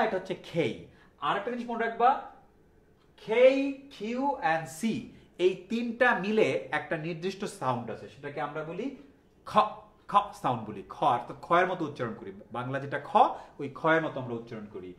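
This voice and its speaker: A man's voice: on the high side, lively intonation, fast, fairly bright tone. A male English teacher from Bangladesh giving a lesson, drilling pronunciation by repeating words and quizzing students. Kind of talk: classroom lesson. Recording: echoey room.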